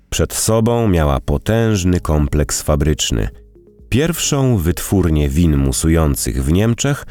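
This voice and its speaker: A man narrating a historical novel in an expressive, measured storytelling manner. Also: sits low. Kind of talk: audiobook narration.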